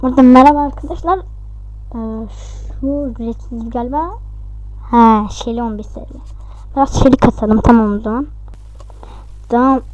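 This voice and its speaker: A woman giving casual, excitable commentary over her own gameplay, talking to herself and shrieking at close calls. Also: fairly high pitch, moderate pace, pauses often, dry recording, muffled recording. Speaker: gaming YouTuber.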